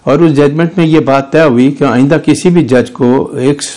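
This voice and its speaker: With a fairly high, darkish voice at normal speed, an older man with a Pakistani Urdu accent argues legal points as a lawyer guest on a studio news interview. He comes across as argumentative and legalistic, with restarts.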